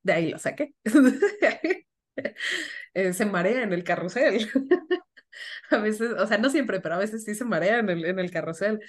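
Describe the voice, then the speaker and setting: Young woman, co-host, lively chatty storyteller who laughs a lot. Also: medium pitch, a little slow, long pauses. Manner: animated storyteller, laughs often, acts out voices. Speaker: podcast co-host. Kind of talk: casual storytelling chat.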